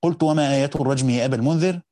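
A man with an Egyptian accent reading a classical commentary aloud and explaining it as a teacher. He reads quickly and slows down to explain points of grammar. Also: medium pitch, warm tone, no echo, clean studio sound.

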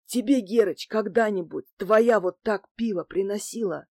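A woman's voice: medium pitch, normal speed, a little mellow, no room sound, clean studio sound, lightly acted. A woman voicing a short, grey-haired male petty crook who talks in a laid-back, coaxing way with street slang, in an audiobook. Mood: easygoing. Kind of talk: audiobook character voice.

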